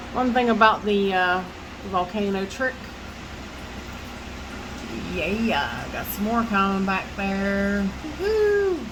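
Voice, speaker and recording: An orchid grower with a Southern US accent and a stuffy head cold narrates a casual vlog tour of her plant shelves, rambling with lots of fillers. Her mid-range voice turns nasal when she bends over, and the background is noisy.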